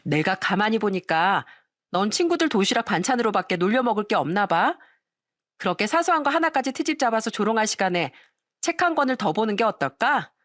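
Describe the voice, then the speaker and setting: A woman voicing a calm, articulate teenage schoolgirl who talks softly and measuredly but with a firm, cutting edge, in a storytelling video. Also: fairly high pitch, a little fast, no room sound, studio quality, pitched above the performer's own voice, lightly acted. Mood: coolly scolding.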